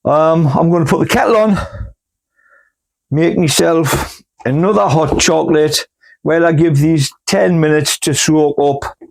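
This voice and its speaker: Slow, chatty gardener man. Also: fairly high pitch, creaky. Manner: rambling, homely, full of fillers. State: hiccups. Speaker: gardening channel host. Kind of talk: casual chat while potting plants. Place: indoors in a cool grow room.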